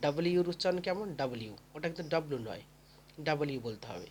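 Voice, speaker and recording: A man's voice: on the high side, animated, brisk, darkish tone, a little hiss or hum. A man teaching English letter pronunciation in a classroom-style lesson, asking questions and answering them himself, and chanting the sounds in repeated rounds.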